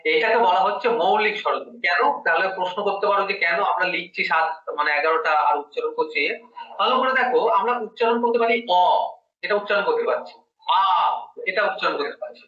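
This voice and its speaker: A man's voice: sits high, fast, sharp tone. A man teaching Bengali grammar one-on-one, explaining step by step and quizzing his student. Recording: dull echoey room, mic at a distance.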